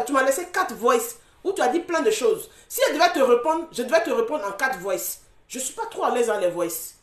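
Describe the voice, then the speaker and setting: A woman's voice: sits high, echoey room. A woman arguing heatedly in a live online dispute, confronting the other speaker with repeated accusations and mocking laughs. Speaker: social media commentator.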